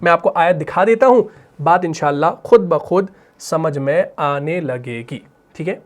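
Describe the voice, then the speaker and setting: A male teacher explaining Arabic grammar in Urdu with a Pakistani accent. He asks questions and answers them himself, and at times recites Quran verses slowly. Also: fairly high pitch. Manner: repeats questions and answers them himself, adds "bhai" and "theek hai na". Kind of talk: explaining grammar while writing on a board.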